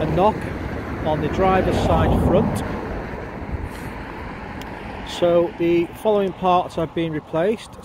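A male car salesman walks around a car on an outdoor lot, giving an informal, casual sales presentation. His voice is slightly high and congested from a cold. The handheld outdoor video has clear background noise.

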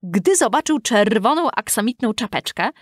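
A woman reading a children's storybook aloud in a calm, even storytelling manner. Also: a little high, moderate pace, no echo, studio quality. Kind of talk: scripted storybook narration.

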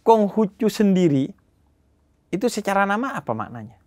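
A man's voice: high-pitched, sing-song, moderate pace, a little mellow, dry recording. Joking man hosting a podcast, dry close sound. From Madura, Indonesia. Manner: joking, chatty, plays on words. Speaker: podcast host. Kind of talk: casual podcast chat.

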